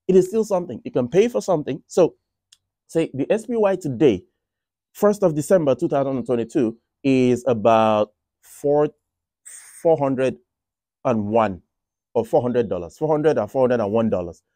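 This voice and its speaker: In a dry, clean studio recording, a man with a medium-pitched, dark voice and a Nigerian accent talks about his money and trading. He's a finance vlogger in the Republic of Ireland, and his casual monologue rambles with many restarts and fillers.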